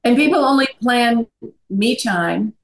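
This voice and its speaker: Speaking on a video call, a middle-aged woman who works as a life coach talks earnestly and keeps asking "right?" in a conversational interview. Her voice sits on the high side, animated but a little slow.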